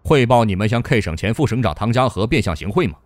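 A man's voice: mid-range voice, very animated, fairly quick, dry recording, pitched below the performer's own voice, natural voice. Man voicing a stern sarcastic governor. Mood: scolding. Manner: sarcastic, scolding.

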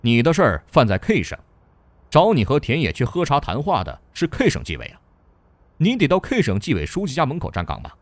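A man voicing a stern, sarcastic male provincial governor who scolds in a sharp tone. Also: mid-range voice, huge pitch swings, brisk, no echo. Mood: scolding.

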